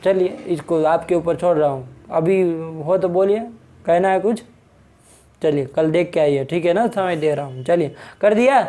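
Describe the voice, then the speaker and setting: High-voiced male grammar teacher quizzing students. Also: normal speed, mellow. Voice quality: questioning, prompting students with repeated checks. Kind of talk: classroom grammar lesson, question and answer.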